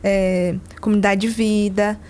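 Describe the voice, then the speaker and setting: A woman's voice: mid-range voice, unhurried. Woman, podcast guest, casual personal storytelling, acts out the voices. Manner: animated, acts out dialogue in her stories.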